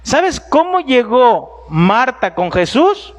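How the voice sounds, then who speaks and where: A man with a notably high voice preaching a sermon in a church. He tells the story in an animated way, speaking straight to his listeners and dropping humorous asides. The delivery stays lively and engaged throughout. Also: slow pace.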